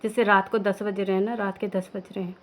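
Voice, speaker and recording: A woman's voice: medium pitch, flat delivery, fairly quick, rough recording. A young woman vlogger telling a personal story in a casual, rambling way, full of restarts, from her village home. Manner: emotional, rambling with many restarts and fillers.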